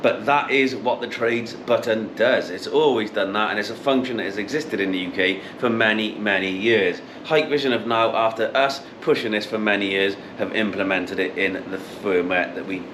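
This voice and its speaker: A man in his thirties with a lowish voice gives a casual how-to product demonstration, explaining as he goes and repeating key points. He talks at normal speed with few pauses. He's indoors in a showroom with an intercom display wall, and the room noise is clearly audible.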